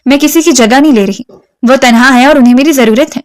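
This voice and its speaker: An earnest young woman who speaks firmly and pleads with her friend, as a woman narrator reads her. The voice is smooth and fairly high, with a dry, close sound. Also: no room sound, close to an everyday voice. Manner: firm, then earnest and tearful.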